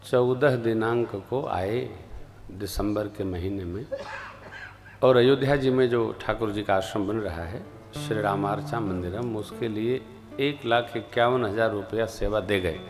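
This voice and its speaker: A man giving a devotional sermon as a Ram Katha preacher, slow and emphatic, swinging between soft asides and loud rising exclamations, and drawing out chanted scripture verses. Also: on the low side, soft background music.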